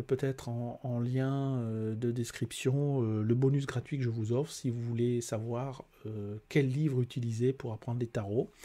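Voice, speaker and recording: A man's voice: medium pitch, warm tone. A man presenting and comparing two tarot decks in a casual, hesitant way, with frequent fillers and restarts as he explains. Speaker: tarot reader and life coach. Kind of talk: casual product review.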